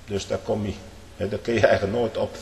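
A male preacher giving an emphatic sermon, often tagging sentences with "hè?" and swelling into loud outbursts. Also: fairly low pitch, little pitch movement, quick pace, vocal fry, slight background noise. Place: church hall. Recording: echoey church hall, faint ambience.

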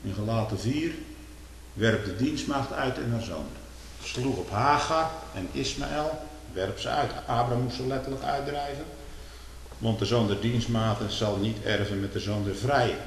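A man preaching a sermon, swinging from hushed, low passages to loud, drawn-out declaiming and pleading questions. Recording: echoey hall with faint hiss.

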